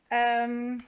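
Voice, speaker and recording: Higher-pitched woman giving a measured conference talk. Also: smooth. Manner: measured, structured delivery. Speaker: clinical psychologist and trainer. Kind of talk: conference presentation.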